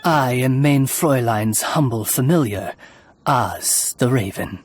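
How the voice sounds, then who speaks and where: A man voices a loyal raven familiar from a video game. He is eloquent and ceremonious, with a middling pitch and courtly dignity over soft music. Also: expressive, unhurried, close to an everyday voice. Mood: dignified, dry. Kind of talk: video game character acting. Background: background music.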